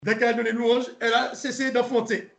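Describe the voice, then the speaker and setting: Guy teaching bible study, kinda high voice, keeps restarting, echoey room. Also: flat delivery, creaky, fairly bright tone. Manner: halting, repeats words, spells names letter by letter. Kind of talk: informal Bible study lesson. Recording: roomy echo.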